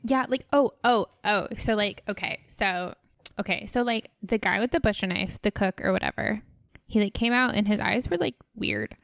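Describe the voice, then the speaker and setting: A woman's voice: medium pitch, moderate pace, no echo, studio quality, pitched below the performer's own voice, lightly acted. A woman voicing a scattered young valley-girl character in a tabletop role-play, packing every phrase with filler words. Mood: rambling.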